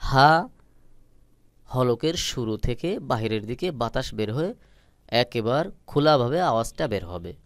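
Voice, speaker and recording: A man's voice: medium pitch, expressive, moderate pace, clean tone, dry recording. A man teaching Quran letter pronunciation, patiently repeating and stretching out each sound. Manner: patient, instructive. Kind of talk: slow step-by-step pronunciation lesson.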